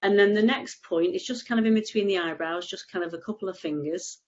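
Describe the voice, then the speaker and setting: A woman of medium pitch speaks fairly quickly over dull audio. She's a guest EFT tapping practitioner with a cold and a stuffy nose, casually describing tapping on a video call in a rambling way with many restarts.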